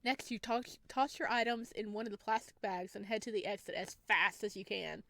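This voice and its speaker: Her mid-range voice is a bit bright with vocal fry, moving at a moderate pace on an echo-free recording. The woman reads a horror visual novel's second-person narration aloud while adding asides to viewers.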